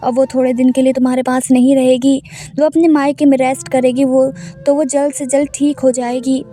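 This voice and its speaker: A woman's voice: sits high, little pitch movement, dark tone, soft background music, natural voice. A woman voicing a middle-aged mother-in-law who speaks sternly and commands, in a narrated story.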